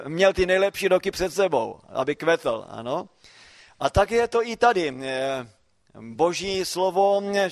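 Man preaching, slightly higher voice, quiet asides rising to emphatic calls. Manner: rhetorical questions, swings from quiet to emphatic. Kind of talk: sermon.

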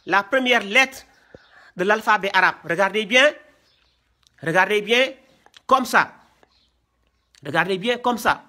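Enseignant sénégalais, voix aiguë et lente. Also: male voice, high-pitched, lively intonation, pushed and bright. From Senegal. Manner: slow and repetitive, often checks with "hein?". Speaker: Quran teacher. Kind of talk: classroom lesson.

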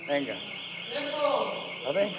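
A man's voice: takes it slowly, big-room sound, heavy background noise. A man, a boxing trainer, speaking in an interview with an earnest, repetitive, folksy manner. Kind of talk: documentary interview.

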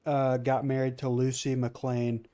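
A man's voice: mid-range voice, completely flat delivery, a little slow, warm tone, slight background noise. A man giving casual, rambling commentary on his gameplay, full of fillers and restarts. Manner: rambling, filler-heavy, self-correcting. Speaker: let's play gamer.

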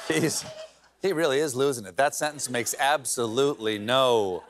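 A man's voice: medium pitch, moderate pace, over music. A male late-night comedy host giving a monologue in a dry, sarcastic manner.

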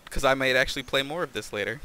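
A man's voice: mid-range voice, rapid-fire, pushed and bright. A man hosting a horror game stream, swearing often and teasing his co-host in casual chat. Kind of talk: casual let's-play chat.

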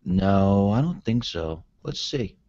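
A man's voice: lowish voice, lively intonation, takes it slowly, warm tone, no room sound. A man co-hosting a casual wrestling chat podcast, laid-back and swearing freely. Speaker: podcast co-host. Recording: dull, dry lo-fi sound.

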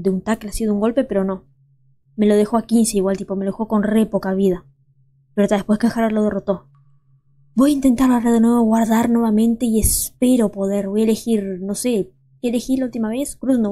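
A woman's voice: medium pitch, steady tone, fast talker, dark tone. A young woman, hosting a let's play and chatting to viewers as she thinks aloud. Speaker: gaming channel host.

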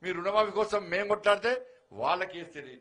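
A man with a Telangana Telugu accent, speaking outdoors in the sun at a village rally, who teases the crowd and leads shouted slogans. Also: high-pitched, expressive, fast talker. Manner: teasing banter with the crowd, rising to shouted slogans. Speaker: politician addressing a rally. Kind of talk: outdoor political rally speech.

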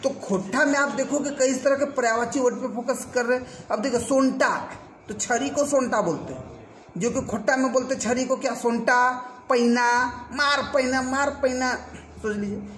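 A high-pitched man gives a classroom lecture and drills word lists over and over. He breaks into short acted everyday phrases as he goes. His voice bounces around a roomy space with faint background noise. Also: moderate pace, fairly bright tone. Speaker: teacher.

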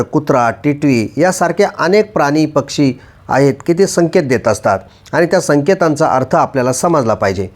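A man with a fairly high voice reads a scripted voice-over for his channel. He moves steadily through a list of items, one by one. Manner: measured, listing items one by one. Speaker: channel narrator.

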